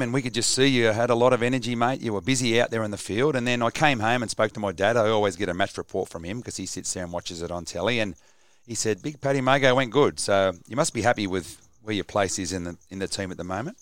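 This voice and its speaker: A man's voice: on the low side, fast, a bit bright, no room sound. An Australian man co-hosting a radio show, chatting about sport in a casual, matey way. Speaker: radio co-host.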